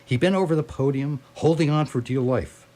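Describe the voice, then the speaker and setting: A man with a fairly high but dark-toned voice reads scripted story narration at a brisk clip. It's a live radio theatre performance, and he tells the tale in a wry, literary manner.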